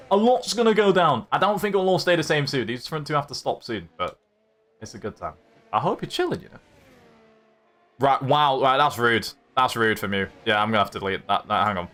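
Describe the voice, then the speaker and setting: A man's voice: medium pitch, a bit bright. A young man hosting a live-streamed racing league, commenting on strategy and teasing his chat in a jokey, chatty way.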